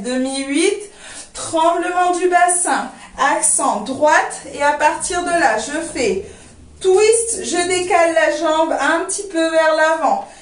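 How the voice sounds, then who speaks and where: A woman teaching a belly dance routine, calling out moves and counts as she demonstrates, checking in reassuringly with her students. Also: high voice. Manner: counts steps and names moves while demonstrating; reassuring, often asks "d'accord?". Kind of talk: online belly dance class. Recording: roomy, far from the mic.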